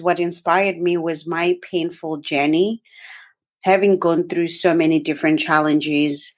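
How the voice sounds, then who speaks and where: A woman from Zimbabwe, a guest telling her life story in an interview, earnest and reflective with some fillers. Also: deep voice.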